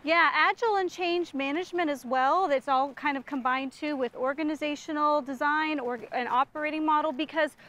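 High-voiced woman consultant outdoors. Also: brisk, few pauses, bright, forceful tone. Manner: earnest, explanatory, with restarts and fillers. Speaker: management consultant. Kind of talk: outdoor walk-and-talk interview. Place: outdoor city park.

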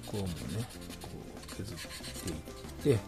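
A man's voice: low-pitched, animated, a little slow, over loud music. A man with a Kansai accent chatting casually to himself while building a plastic model kit. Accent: Kansai Japanese. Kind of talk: casual hands-on narration.

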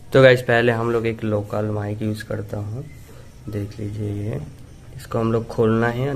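Young male vlogger, low flat delivery, plain unboxing chat, faint background hiss. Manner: plain, repetitive explaining, addressing viewers as guys. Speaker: motovlogger. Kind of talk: casual unboxing vlog.

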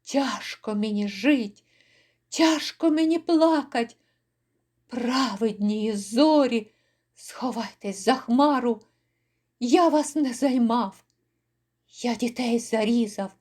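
Here is a grief-crazed Cossack father, torn between fury and despair, as a woman puts him on in a poetry reading. His cries come high and slow, each word stretched out in anguish. The lament swells loud and raw. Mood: raging lament. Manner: anguished shouting and lament, drawn out. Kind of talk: dramatic poetry recital.

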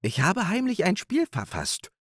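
A man's voice: high voice, wildly swooping pitch, moderate pace, fairly bright tone, husky, no echo, studio quality, voice pushed up, exaggerated voice. A man voicing a proud, bossy male hare who fancies himself a poet, in a raised, self-important voice for a storybook. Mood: pompous.

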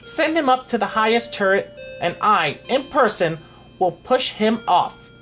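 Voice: mid-range voice, expressive, measured pace, a bit bright, faint music behind, pitched above the performer's own voice. A reader voicing a scheming, spiteful grand duke in a storybook read-aloud, in a raised, snappish voice.

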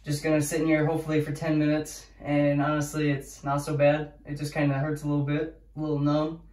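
A man's voice: fairly high pitch, monotone, brisk, darkish tone. A young man chatting casually to the camera as a vlogger. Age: young adult. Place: small home bathroom, indoors. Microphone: camera a few steps away. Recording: echoey room, distant mic, noisy.

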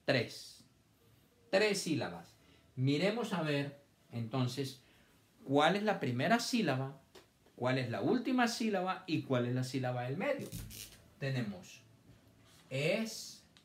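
Patient male primary teacher, slow delivery, very lively pitch, stretches words syllable by syllable. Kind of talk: children's reading lesson. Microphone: camera on a stand.

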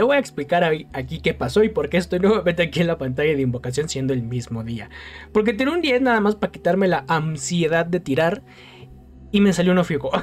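Lively Mexican man ranting over game pulls. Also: a little high. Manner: exasperated, self-mocking, laughs a lot. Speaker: gaming youtuber. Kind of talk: casual gameplay commentary.

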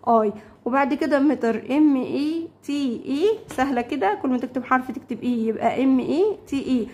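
A woman teacher with an Egyptian Arabic accent, explaining English words to young pupils, repeating them slowly and checking often that they follow. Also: high-pitched, lively intonation, a little mellow. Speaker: primary school English teacher. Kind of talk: classroom lesson explaining vocabulary.

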